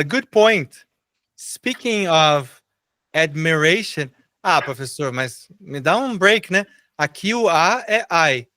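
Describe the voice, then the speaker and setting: A middle-aged man from Brazil teaches a live online English class, his voice bright and somewhat high. He explains patiently and has students repeat words back to him. The sound is dry and close. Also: dry recording.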